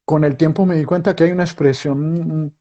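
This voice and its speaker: In dull-sounding audio, this middle-aged guest writer from Colombia speaks with a slightly high, warm voice at a moderate pace and fairly even intonation. His casual interview talk is full of stories, repeated restarts and performed quotations.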